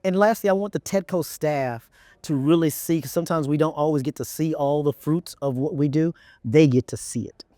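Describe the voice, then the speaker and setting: A middle-aged chief executive from Texas, speaking with an American accent, answers conversationally as a guest on an indoor event interview set. He repeats phrases for emphasis in a brisk, dark-toned voice on the high side. His lapel mic gives a clean recording with no echo.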